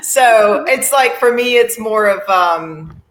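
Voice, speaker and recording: Woman, from Virginia, middle-aged, musician guest, chatty, laughing, medium pitch. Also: animated, takes it slowly. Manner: friendly, laughs often, many fillers. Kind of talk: casual interview.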